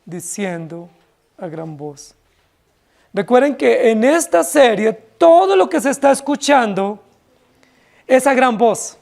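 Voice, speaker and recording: A man's voice: extremely high pitch, gravelly, a little mellow. A man with a Colombian accent, preaching an expository sermon to his congregation in a church. He speaks emphatically and keeps checking in with his listeners through rhetorical questions. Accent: Colombian Spanish. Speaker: pastor.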